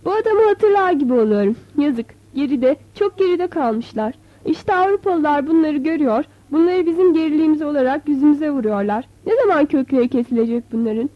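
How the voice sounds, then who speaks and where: A woman's voice: sits high, expressive, a little fast, hardly any pauses, no room sound. A woman voicing a scornful, rich middle-aged landowner who mocks and lectures in a haughty way. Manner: mocking, haughty. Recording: dull, slightly lo-fi.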